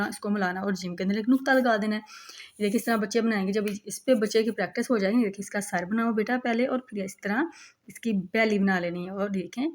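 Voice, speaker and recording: A woman giving a patient, step-by-step demonstration of writing letters, often saying "look" as she shows each step. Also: mid-range voice. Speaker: teacher.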